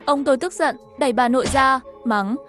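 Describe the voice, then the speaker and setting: A woman telling a horror story in a steady, even storytelling voice, as the channel's narrator and dubber. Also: sits high, a little fast, faint music behind.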